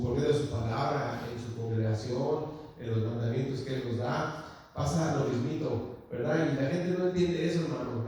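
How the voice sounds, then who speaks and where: Preacher in a very echoey hall. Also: male voice, fairly high pitch, mellow. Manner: earnest, addresses the congregation as brothers, many filler words. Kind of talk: sermon. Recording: echoey hall, mic far off.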